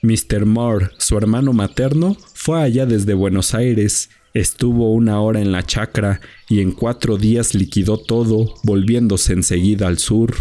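A man reading a literary short story aloud as a measured audiobook narrator. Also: lowish voice, dark tone.

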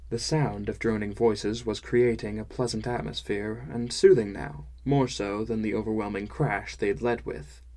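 A man narrating a fantasy audiobook in a measured, wry first-person style. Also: on the low side, fairly even intonation, a little mellow.

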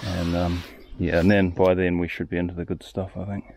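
A man casually explaining his work at an outdoor sawmill yard, recorded on a head-mounted camera, relaxed and thinking aloud. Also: low-pitched, fairly quick, gravelly. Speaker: sawmill operator. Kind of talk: casual first-person narration. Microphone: head-mounted action camera.

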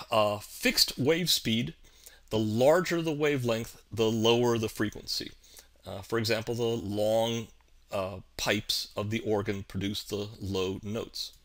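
A man narrating a video tutorial, slow and halting, with many ums and uhs. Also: lowish voice, fairly bright tone. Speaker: animation physics teacher.

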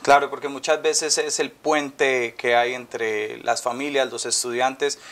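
A man in his thirties hosts a TV interview, speaking with an upbeat, welcoming manner at a mid pitch. He is recorded indoors on a lapel mic. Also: steady tone, a little slow, a bit bright. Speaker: TV host. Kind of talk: TV interview hosting. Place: office, indoors.

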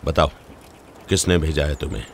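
A man's voice: very deep voice, animated, moderate pace, a little hiss or hum. An actor dubbing a wary young male writer in a romantic film, dry and suspicious in his questions. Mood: angry. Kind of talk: Hindi film dub.

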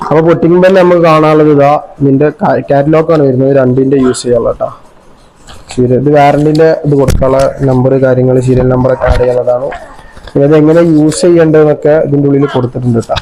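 A vlogger with a Kerala Malayalam accent hosts an unboxing video, chatting casually and explaining things informally step by step. His mid-range voice is mellow with fairly even intonation, delivered rapid-fire. The amateur audio is noisy and has clicks.

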